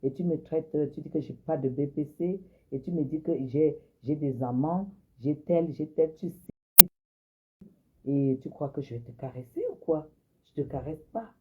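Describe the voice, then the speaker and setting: A woman with a husky, breathy voice hits back at someone in a heated live-stream rant. She mocks her target and repeats her points again and again. Her voice comes through a tinny phone line. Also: low-pitched. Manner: confrontational, mocking, repeats herself. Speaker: social media personality.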